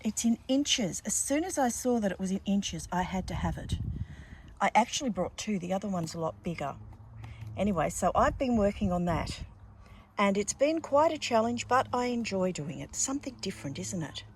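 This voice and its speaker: Older woman, Australian accent, casual vlog chat, effusive manner, medium pitch, ambient noise behind. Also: expressive, moderate pace, poor audio. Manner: effusive, addresses listeners as darlings. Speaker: vlogger.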